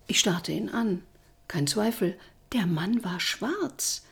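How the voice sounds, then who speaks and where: A woman reading a first-person short story aloud with expressive shifts in loudness. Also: lowish voice, measured pace, creaky, slightly rough. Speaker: narrator.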